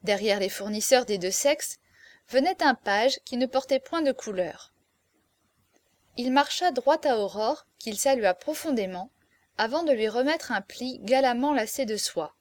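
A woman reading a classic novel aloud as narrator, in a measured, expressive storytelling manner. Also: on the high side, dry recording. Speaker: audiobook narrator.

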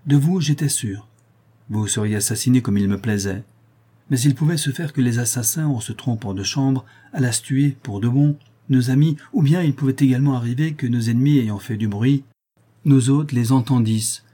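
A man's voice: mid-range voice, moderate pace, warm tone, slightly rough, close to an everyday voice. A man reading a novel aloud, voicing a confident middle-aged master detective with a lightly amused, assured manner. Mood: explaining. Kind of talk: audiobook character voice.

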